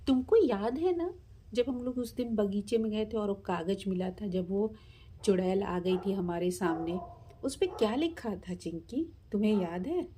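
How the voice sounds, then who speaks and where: A woman's voice: medium pitch, lively intonation, measured pace, mellow, slight background noise, lightly acted. Woman voicing a curious little village girl.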